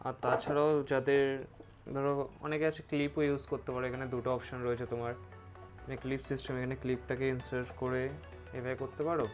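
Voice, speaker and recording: A motovlogger with a West Bengal Bengali accent gives a casual, hands-on product review, speaking Bengali sprinkled with English words and often checking in with "okay?". His mid-range voice is fast with little pitch movement, and soft music plays in the background.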